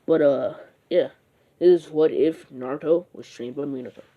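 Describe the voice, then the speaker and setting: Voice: mid-range voice, normal speed, phone-quality sound. A narrator telling a fan-made what-if story in a casual, rambling way, full of "like" and "uh" and restarts. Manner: rambling, with frequent fillers and restarts.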